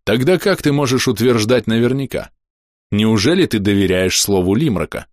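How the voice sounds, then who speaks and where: A man voicing a cold, calculating man who speaks in a measured, clear tone. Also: on the low side, expressive, a little mellow, no room sound, studio quality, close to an everyday voice.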